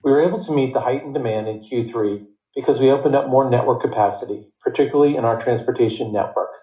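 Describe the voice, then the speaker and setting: A company finance executive reads a scripted earnings report in a formal, measured way, his voice medium-pitched. He speaks over a conference call line, and the sound is tinny like a phone line with roomy echo.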